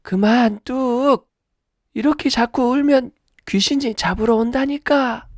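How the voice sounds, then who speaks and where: A man voicing an old grandmother who soothes and scolds a crying baby in a high, shrill voice. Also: slow, dry recording, clean studio sound. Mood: scolding.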